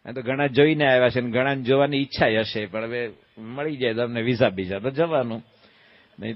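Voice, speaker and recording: A man giving a humorous sermon as a monk, telling a folksy story and acting out shouted calls and quoted voices. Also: medium pitch, highs cut off. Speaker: monk giving a religious discourse.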